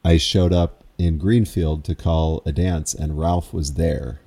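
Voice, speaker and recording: A man's voice: a bass voice, fairly even intonation, slow pace, vocal fry, warm tone. A man who calls square dances, recalling in a casual interview how he learned his craft, in a meandering, reflective, self-amused way.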